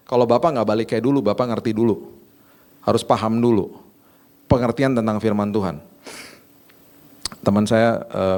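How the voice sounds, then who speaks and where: A man's voice: on the low side, darkish tone. A male pastor delivering a sermon in a casual, conversational way, acting out little anecdotes.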